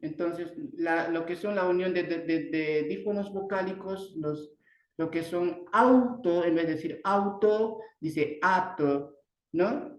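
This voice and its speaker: A man with a Bolivian Spanish accent giving an online speech therapy lecture, halting often, restarting words and tagging sentences with a questioning "no". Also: high voice. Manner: halting, many restarts and "¿no?" tags. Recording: roomy echo.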